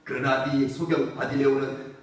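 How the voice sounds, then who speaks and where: A man's voice: mid-range voice, level tone, moderate pace. A man preaching a sermon as pastor, emphatic and full of rhetorical questions to the congregation. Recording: echoey church hall from far off.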